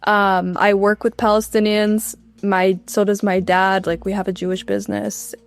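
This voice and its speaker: A young Canadian woman, a university student, answers interview questions in a chatty way, saying "like" often. Her mid-range voice is flat and moves at a normal speed.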